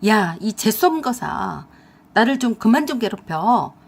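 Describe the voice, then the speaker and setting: An evasive young man as a female narrator plays him defends himself and pleads. The voice is pushed down from her own and keeps a husky grain. He is the boyfriend caught out in a storybook drama. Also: mid-range voice, big pitch swings, moderate pace, a little mellow, exaggerated voice. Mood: shouting.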